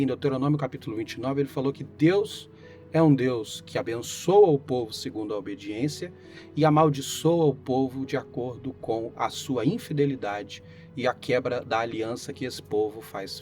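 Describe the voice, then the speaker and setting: A man's voice: medium pitch, moderate pace, a little mellow. A Brazilian man giving an informal Bible lesson as a pastor, explaining things step by step and checking in with listeners, his voice tired and giving out after a flu. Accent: Brazilian Portuguese. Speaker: pastor teaching Bible study. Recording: guitar music behind the voice.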